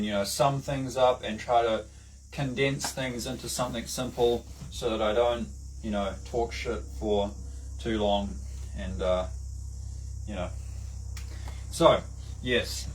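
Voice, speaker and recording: A man with a New Zealand accent giving a rambling, casual lesson, full of fillers and restarts. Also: mid-range voice. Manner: halting, many fillers and restarts. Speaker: online lecturer. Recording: distant mic with faint background noise.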